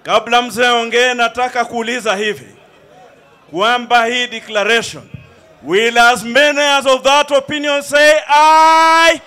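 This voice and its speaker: A man loudly calling a voice vote at an outdoor rally on a handheld microphone. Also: extremely high pitch, steady tone, unhurried. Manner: loud, declamatory. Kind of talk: formal call for a voice vote.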